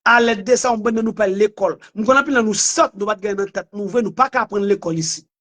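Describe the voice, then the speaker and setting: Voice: medium pitch, fast talker, fairly bright tone. A commentator giving an impassioned motivational monologue, blunt and emphatic, repeating points and using crude words. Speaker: online commentator.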